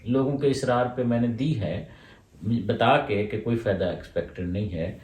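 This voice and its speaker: A man's voice: mid-range voice, normal speed, darkish tone. Man, homeopathic doctor, methodical explainer, echoey room, distant mic. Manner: explanatory, lays out points in order. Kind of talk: answering listener questions. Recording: roomy echo, voice from away from the mic.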